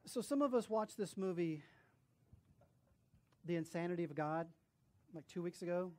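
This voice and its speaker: A male pastor preaching and telling a story, animated, with hushed drops at solemn moments. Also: high-pitched, normal speed. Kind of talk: sermon storytelling.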